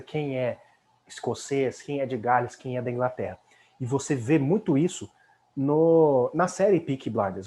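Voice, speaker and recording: A man's voice: medium pitch, a little mellow. Chatty Brazilian man teaching English. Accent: Brazilian Portuguese. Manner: chatty, fills with "né?" tag questions. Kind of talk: casual explanatory lesson.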